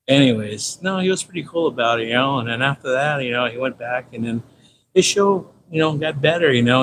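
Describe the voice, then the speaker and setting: His mid-range voice has a fairly bright tone. This San Diego livestream host, in his fifties with a Californian American accent, rambles casually through slangy, repetitive stories as ambient noise comes through clearly.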